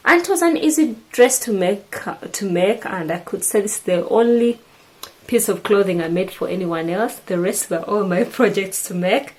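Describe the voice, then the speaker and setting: A woman's voice: medium pitch, animated, moderate pace, rough recording. A middle-aged woman from Uganda with a Ugandan accent, chatting to camera about her sewing and often restarting her sentences. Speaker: sewing vlogger. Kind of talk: casual chat to camera.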